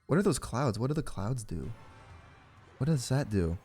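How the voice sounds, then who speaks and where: A man's voice: mid-range voice, very animated, moderate pace, dark tone, husky, faint music behind. A man in his early twenties from Georgia in the southern US, with an American accent, chatting informally and rambling as he commentates on a game. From Georgia, southern United States. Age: early 20s. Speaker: gaming YouTuber. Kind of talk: casual gameplay commentary with personal chat.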